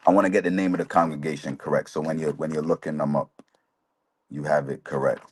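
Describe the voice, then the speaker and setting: Man in his forties, very low voice, earnest, lecturing, live talk show. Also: fairly even intonation, fast talker, slight background noise. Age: 40s. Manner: earnest, lecturing, asks listeners "right?" often. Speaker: guest speaker, chaplain.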